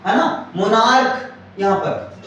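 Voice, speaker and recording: In a classroom where students reply in chorus, a male teacher speaks unhurriedly in an extremely high voice. He spells words out letter by letter, repeats his points, and keeps checking comprehension. The recording comes from far off, very echoey, with slight background noise.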